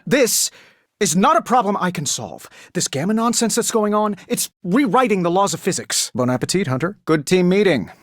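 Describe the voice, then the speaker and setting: A man's voice: a little high, dry recording, clean studio sound. A man playing a wisecracking, cocky genius inventor superhero in a video game, talking in a glib, sarcastic, conversational way. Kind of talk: video game character voice lines.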